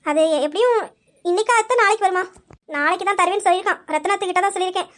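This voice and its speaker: A woman's voice: extremely high pitch, a bit bright. A woman voicing a caring daughter-in-law in a large family, soothing and persuading the others. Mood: reassuring. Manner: brisk, reassuring, persuasive.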